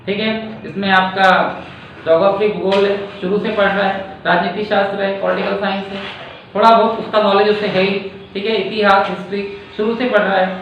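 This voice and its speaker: A male teacher from India explaining a lesson slowly, using everyday examples and often checking in with his students. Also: sits high, fairly bright tone, muffled recording. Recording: echoey room, distant mic, faint noise.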